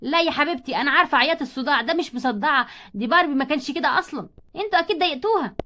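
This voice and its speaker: A woman with an Egyptian Arabic accent voicing a strict female schoolteacher who scolds the class loudly and bossily. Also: sits high, expressive, very fast. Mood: stern, caring. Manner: loud, scolding, bossy.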